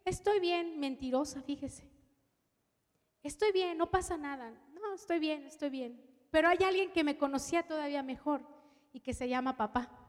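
High-voiced woman preaching in an echoing hall. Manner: emotional storytelling, shifts from loud to hushed. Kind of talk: testimony sermon.

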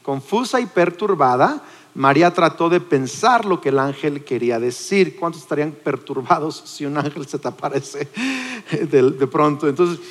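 A man's voice: on the high side, moderate pace. A man in his forties preaching a sermon, building emphasis and calling on the congregation to repeat words after him. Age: 40s. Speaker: pastor. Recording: long hall reverb.

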